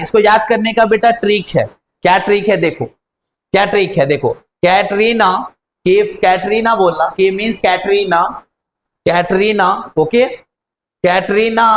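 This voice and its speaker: A man's voice: sits high, a bit bright, low-quality recording. A man teaching a chemistry lesson online, repeating key words and quizzing his pupils as he goes.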